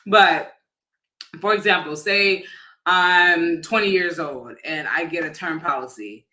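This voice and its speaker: An insurance agent giving a financial education talk explains things in an informal, live-talk style, his voice fairly high and very bright. He speaks casually and haltingly, often restarting sentences and rewording them as he goes.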